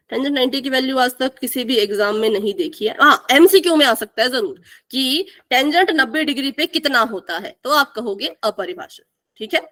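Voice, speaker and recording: Bright high-voiced woman teaching math. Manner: asks the class questions and repeats key answers. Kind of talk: live online math class.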